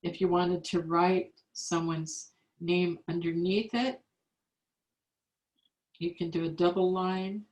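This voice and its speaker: Slow, patient woman teaching calligraphy. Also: fairly low pitch, fairly even intonation, a little mellow. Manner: slow, patient step-by-step instruction. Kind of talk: online art class demonstration. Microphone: video call. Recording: echoey room on a video call.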